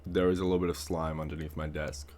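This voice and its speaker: A man's voice: a bass voice, flat delivery, fast talker, a little mellow. A man streamer reacting to music, talking in a rambling, casual way with many fillers.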